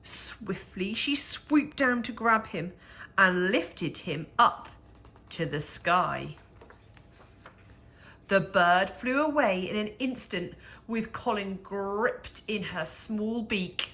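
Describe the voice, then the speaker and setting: Speaking in a mid-range voice, a woman reads a rhyming picture book to young children. She tells the story at a measured pace, expressively and with dramatic emphasis.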